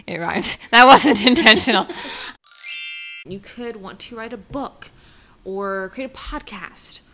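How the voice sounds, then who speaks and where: A woman's voice: mid-range voice, slow pace, pauses often, sharp tone. A woman co-hosting a podcast, chatting casually and rambling, laughing at her own slips. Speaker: podcast co-host. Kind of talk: casual chat.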